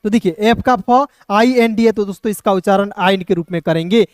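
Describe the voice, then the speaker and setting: A man's voice: high voice, smooth, no room sound, clean studio sound. A man teaching English spelling in a Hindi phonics lesson, spelling words letter by letter and often asking his friends if they follow. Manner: repeats "doston" and checks understanding often; slow, spelled-out letter-by-letter explanation.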